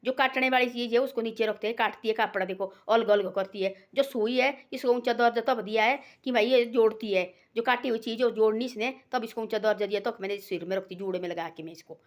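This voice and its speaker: A woman's voice: a little high, fairly even intonation, fast, hardly any pauses. A woman telling a moral story in a homely, rambling way, constantly repeating filler words. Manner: homely, folksy and unpolished. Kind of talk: casual spoken moral story.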